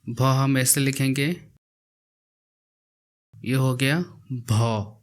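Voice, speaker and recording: Male teacher, unhurried voice-over alphabet lesson, patient repetition. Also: mid-range voice, steady tone. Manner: repeats each letter slowly while writing it. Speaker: language teacher.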